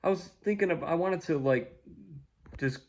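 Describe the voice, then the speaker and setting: A woman's voice: on the low side, normal speed, darkish tone, dull audio, pitched above the performer's own voice, close to an everyday voice. A man voicing a curious young woman traveler who asks hesitant, eager questions.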